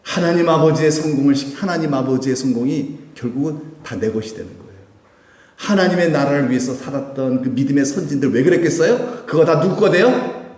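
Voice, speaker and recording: A man's voice: a little high, lively intonation, a little fast, a little mellow. A man preaching a Sunday sermon, putting questions to the congregation as he goes. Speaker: pastor. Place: church sanctuary. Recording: echoey church hall with long reverb.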